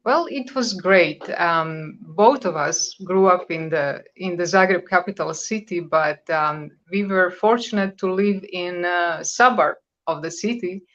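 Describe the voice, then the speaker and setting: A Croatian-born woman in her fifties, a native Croatian speaker, is a guest on a radio interview, answering conversationally while searching for words and hesitating often. Her voice is lowish and fairly bright in tone, a little slow with few pauses. The audio is dull.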